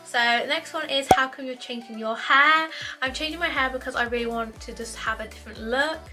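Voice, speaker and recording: A woman's voice: high-pitched, brisk, over loud music. A young woman in her twenties from the UK, chatting casually to camera in a Q&A, upbeat and repeating herself often. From United Kingdom. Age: 20s. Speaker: YouTuber.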